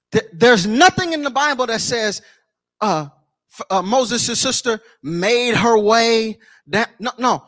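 A man's voice: very high voice, lively intonation, takes it slowly, long pauses, fairly bright tone, no room sound. A man preaching a sermon in church, repeating his lines in a rhythmic build and sometimes breaking into a sung chant. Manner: repetitive, rhythmic preaching with call-outs to the congregation.

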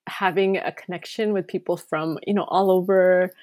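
A woman's voice: on the low side, fairly even intonation, normal speed, a little mellow, no room sound, clean studio sound. A woman, a podcast guest chatting casually, with many fillers and restarts. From Canada. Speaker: guest, K-drama writer.

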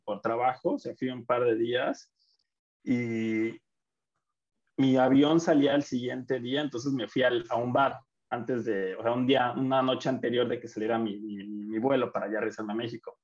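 A young man with a Mexican accent, chatting casually on a podcast and telling animated stories. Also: mid-range voice, normal speed, muffled recording. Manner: storytelling, animated in anecdotes, many restarts. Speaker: podcast guest. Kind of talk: casual chat.

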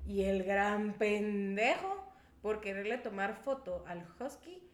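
A woman's voice: mid-range voice, takes it slowly. A young woman, a co-host who tells stories in casual chat and laughs along as she goes. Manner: lively storyteller, laughs while telling. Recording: echoey room.

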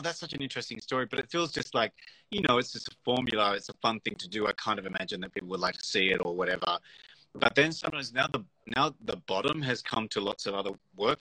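A man who produces comedy, talking thoughtfully in a casual conversation, often pausing and restarting. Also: mid-range voice, sharp tone, no echo, low-quality recording. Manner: thoughtful, hesitant, many restarts and fillers. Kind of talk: casual conversation on a live show.

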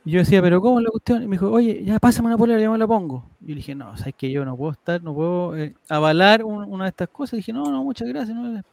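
A man's voice: high-pitched, lively intonation, fast, gravelly, hardly any pauses, darkish tone, no room sound. Man telling a rambling story. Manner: rambling, with restarts and laughs. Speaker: podcast host. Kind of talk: casual storytelling to co-hosts.

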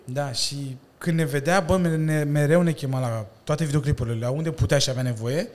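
A man in his thirties, a breakdancer and stuntman, chatting as a podcast guest and telling lively stories with slang and laughter. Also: a little high. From Romania. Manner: animated storytelling with slang and laughter. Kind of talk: casual chat.

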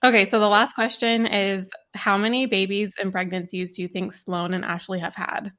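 A woman co-hosting a casual podcast, relaxed and laughing through her stories. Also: mid-range voice, normal speed. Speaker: podcast co-host.

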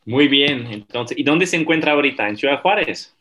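A man's voice: mid-range voice, lively intonation, brisk, pushed and bright, lo-fi sound. A man, a university professor, interviewing a guest in a courteous, formal tone with a few fillers. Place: Monterrey, Mexico.

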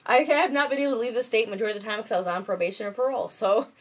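Speaking very fast in a voice on the high side with a breathy edge, this young Michigan vlogger rambles through a casual late-night chat. She swears and uses lots of fillers while music plays behind.

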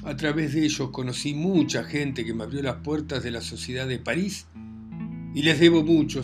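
Man voicing smooth romantic charmer, Rioplatense, guitar bed. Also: mid-range voice, natural voice. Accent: Rioplatense Spanish. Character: charming tango singer, romantic grown man.

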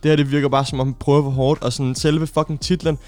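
A man's voice: a little high, level tone, a little mellow, dry recording. A man co-hosting a music podcast, a blunt critic who talks casually and swears freely. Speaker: podcast co-host reviewing music. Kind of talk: casual chat.

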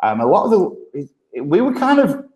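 This podcast guest, an agency partnership manager from Stoke-on-Trent, has a thick English Midlands accent and a high voice whose pitch swoops wildly. He talks at normal speed in a slightly mellow tone, captured on a low-quality, reverberant recording. Casual and loose, he laughs a lot and keeps restarting, with plenty of ums.

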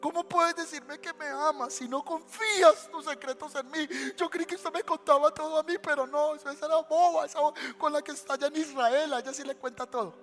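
A man's voice: very high voice, steady tone, a little fast, hardly any pauses, fairly bright tone, pitched above the performer's own voice. Delilah, a pouting manipulative woman, put on by a preacher. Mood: accusing. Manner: pouting, wheedling, reproachful. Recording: long church reverb, faint music.

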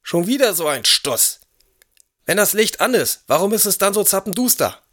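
A high, querulous old aristocrat in an audio drama, forever demanding and indignant. He barks orders with a lord's impatience. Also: big pitch swings, normal speed, fairly bright tone. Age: older. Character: elderly, imperious, irritable English aristocrat.

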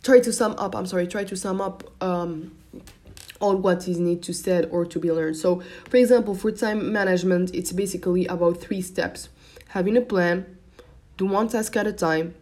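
A woman's voice: on the low side, steady tone, normal speed, a little mellow. Hesitant young woman. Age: young adult. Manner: hesitant, many fillers and restarts. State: slightly shaky voice. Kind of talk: casual personal vlog.

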